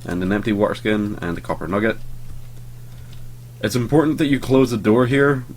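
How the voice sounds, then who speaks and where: Sleepy and wandering, the let's play host chats through his game with plenty of ums and casual cursing. He's a young man fresh off a cold, with a fairly low pitch and moderate pace, and faint hiss or hum runs under the audio.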